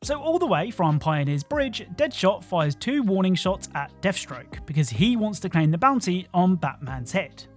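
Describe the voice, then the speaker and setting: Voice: mid-range voice, big pitch swings, moderate pace, few pauses, soft background music. A host narrating a scripted video game countdown with wry, joking asides.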